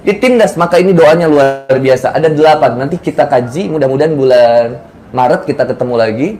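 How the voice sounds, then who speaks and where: A male Islamic preacher with a Sundanese accent, giving a lively, joking sermon and addressing the women as Bunda. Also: medium pitch, a little fast, a little hiss or hum.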